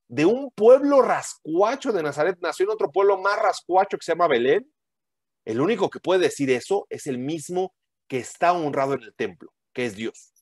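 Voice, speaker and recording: A man's voice: a little high, a little mellow, slightly rough, no room sound, clean studio sound. A man giving a teaching sermon to a group, emphatic and full of rhetorical questions and tag questions.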